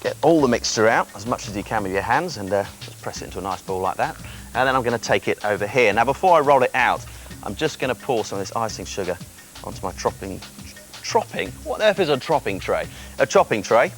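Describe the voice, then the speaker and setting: Low-voiced man demonstrating a recipe. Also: lively intonation, fast, fairly bright tone, faint music behind. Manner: chatty, explains step by step. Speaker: children's TV presenter. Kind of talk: cooking demonstration.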